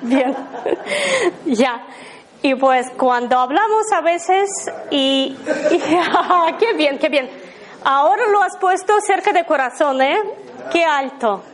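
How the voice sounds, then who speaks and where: A woman's voice: sits high, expressive, slow pace, a crowd in the background. A woman leading an abundance workshop, talking informally to a small live group, telling anecdotes and checking in with her listeners often. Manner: chatty, tells anecdotes, keeps asking the listeners "¿vale?".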